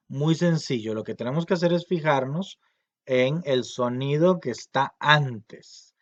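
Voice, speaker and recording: A man giving a recorded grammar lesson, explaining patiently with many fillers and slowly repeating example words. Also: medium pitch, a bit bright, lo-fi sound. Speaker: language teacher.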